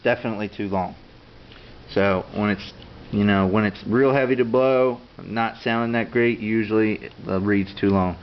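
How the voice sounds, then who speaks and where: A man's voice: on the low side, fairly even intonation, moderate pace. A man giving a casual, plainspoken, matter-of-fact how-to demonstration as an instructor. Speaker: instructor demonstrating duck call tuning. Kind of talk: casual hands-on tutorial. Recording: dull lo-fi sound with clear background noise.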